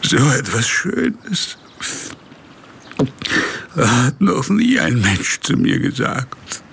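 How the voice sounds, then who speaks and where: A man's voice: mid-range voice, huge pitch swings, vocal fry, fairly bright tone, slight background noise, full character voice. A man playing a lonely, misshapen monster in an audio drama, brooding, bitter and anguished. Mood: halting, moved. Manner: slow, brooding, swelling into anguished outbursts. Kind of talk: audio drama acting and narration.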